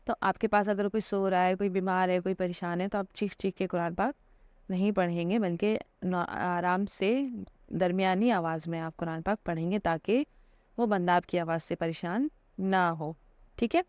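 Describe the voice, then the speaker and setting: A woman's voice: fairly low pitch, fairly even intonation, a little mellow, smooth, dry recording. A woman giving an informal religious lesson, explaining patiently with frequent fillers and check-ins. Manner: patient and explanatory, with many fillers and repeated "theek hai". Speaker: Islamic teacher.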